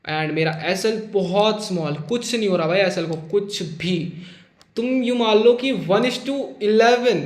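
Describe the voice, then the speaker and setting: A man's voice: high voice, a little slow, roomy sound. A man teaching trading over a chart in a casual, chatty way, often checking in with "okay" and calling his listeners "brother", with a joking, teasing edge. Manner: jokey, teasing about losing traders. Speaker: trading instructor. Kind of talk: casual screen-share chart lesson.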